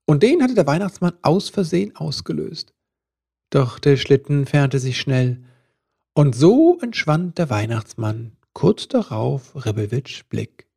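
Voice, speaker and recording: Gravelly man reading a Christmas story. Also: mid-range voice, darkish tone.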